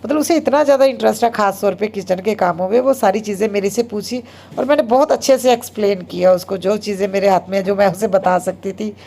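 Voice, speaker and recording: Chatty woman in her 30s vlogging at home, talks super fast, lots of fillers. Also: medium pitch, vocal fry, mellow. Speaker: homemaker vlogger. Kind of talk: casual vlog narration.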